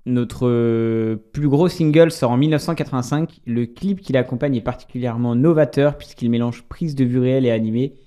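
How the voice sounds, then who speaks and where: A man's voice: mid-range voice, fairly quick, few pauses, dark tone, clear, resonant tone. A man hosting a casual podcast quiz among friends, reading clues aloud with playful asides. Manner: reads clues in a teasing, playful way with frequent laughs and asides. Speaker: podcast host running a music quiz.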